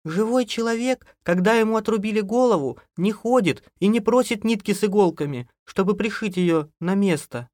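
A man reading an audiobook, voicing a nervous young wife in a high, anxious voice. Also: animated, measured pace, no room sound, clean studio sound. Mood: shrill. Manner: shrill, anxious. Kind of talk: audiobook character voice.

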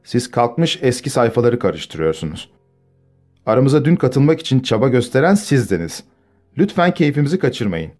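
A man's voice: mid-range voice, sing-song, normal speed, darkish tone, soft background music. A man voicing a stern, serious young man who scolds harshly in an audiobook.

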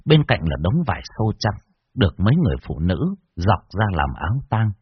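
A man narrating a scripted horror story with an expressive, varied delivery. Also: low voice, brisk, breathy edge, dry recording, dull audio.

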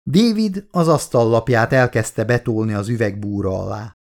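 Brief: author-narrator, man, steady audiobook storytelling in a middle voice. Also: medium pitch, gravelly. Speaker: author reading his own book.

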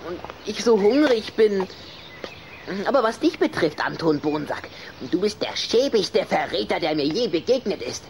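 A woman's voice: mid-range voice, very animated, normal speed, gravelly, darkish tone, a little hiss or hum. A woman playing a touchy, hot-tempered, sly little boy vampire in a German children's radio play, theatrical and scornful. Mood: indignant.

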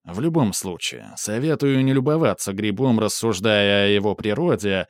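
A man's voice: lowish voice, lively intonation, moderate pace, dry recording. A man voicing a dry, mocking male raider. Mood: musing. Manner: dry, reasoning, teasing. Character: grumbling pessimist male raider, mocking and thoughtful.

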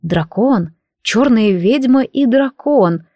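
A woman voicing an exasperated young dark witch in an audiobook, blunt and emphatic. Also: fairly high pitch, animated, slow, no room sound, studio quality, heavily acted. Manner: emphatic, exclaiming.

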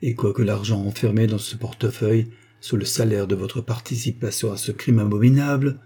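A man's voice: lowish voice, fairly even intonation, brisk, mellow, breathy edge. A man reading the part of a wealthy, commanding woman in a story, voice slightly raised. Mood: gracious.

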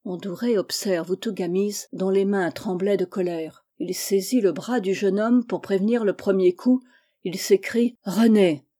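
Narrating a classic novel for an audiobook, this woman speaks at a medium pitch in a measured, expressive manner.

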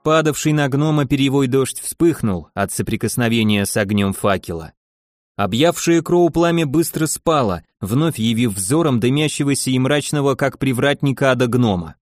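A man narrating an audiobook with a lively, dramatic storytelling manner. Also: medium pitch, normal speed, no echo, studio quality. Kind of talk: expressive audiobook reading.

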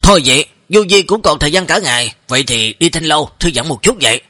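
A man's voice: on the high side, expressive, fast talker, sharp tone, no room sound, studio quality. Man doing a sly, breezy young cultivator.

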